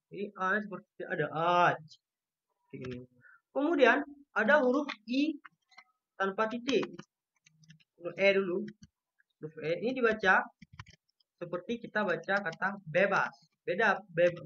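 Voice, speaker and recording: Online language teacher, mid pitch, says each letter slow and repeats it, muffled lo-fi laptop mic. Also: pushed and bright. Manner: patient, repeats each letter sound slowly to demonstrate pronunciation. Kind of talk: online language lesson with screen sharing.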